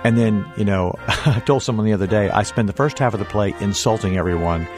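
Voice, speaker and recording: A male stage actor chatting in a radio interview, thoughtful and animated, laughing now and then. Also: lowish voice, a little fast, over music. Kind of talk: casual interview chat.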